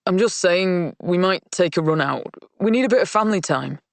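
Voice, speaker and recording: A man's voice: high-pitched, expressive, moderate pace, creaky, no room sound. A male narrator voicing a tired, evasive father who talks in curt, guarded sentences, with a dry sound.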